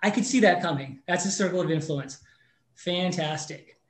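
A man's voice: sits high, moderate pace. A man in his fifties, a mortgage loan officer, telling a story earnestly as a guest in an interview. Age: 50s. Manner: earnest, animated anecdote telling. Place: Rhode Island. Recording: roomy echoey room.

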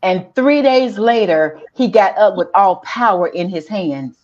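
Female preacher, measured declarative delivery, muffled lo-fi sound. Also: medium pitch, expressive, darkish tone. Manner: slow declarative call and response. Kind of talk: sermon.

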